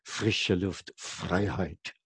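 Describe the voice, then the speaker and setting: A male preacher speaks in a lowish, creaky voice. He moves slowly and haltingly, searching for words and asking his listeners questions. The sound is dry and close. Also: steady tone, a bit bright, dry recording. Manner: halting, searching for German words, self-interrupting; asks listeners rhetorical questions. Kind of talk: conversational sermon to congregation.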